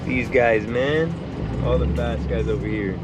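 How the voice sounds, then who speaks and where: A man's voice: medium pitch, unhurried, over loud music. A young man chatting casually to his viewers in a slangy, laid-back way, from his car and outdoors at a ballfield. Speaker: car vlogger. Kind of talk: casual vlog chat. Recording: loud road and outdoor noise.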